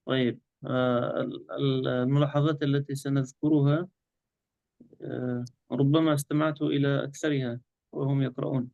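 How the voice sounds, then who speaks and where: An older man from Egypt teaching Quran recitation, slowly chanting model verses and then briskly explaining the errors. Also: medium pitch, creaky, warm tone, dry recording, muffled recording. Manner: slow, drawn-out model recitation between quick explanations. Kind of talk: tajweed lesson, reciting and correcting.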